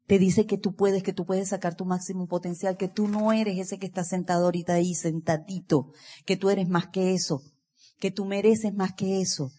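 Woman, motivational seminar speaker, rousing, questions the audience, dark mellow tone. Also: mid-range voice, moderate pace, big-room sound. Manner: energetic, addresses listeners directly with questions.

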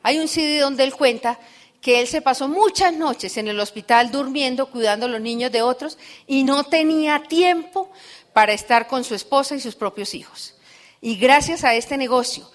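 A woman's voice: sits high, normal speed. A middle-aged woman giving a live motivational speech to an audience, telling stories and asking the crowd rhetorical questions. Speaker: motivational business speaker.

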